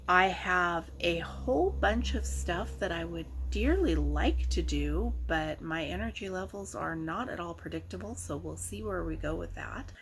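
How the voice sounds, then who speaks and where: Chatting wryly on her laid-back craft vlog, a middle-aged woman sounds slightly hoarse because she is ill with a sore throat. Her voice is mid-range and a bit bright. There is slight background noise in the recording.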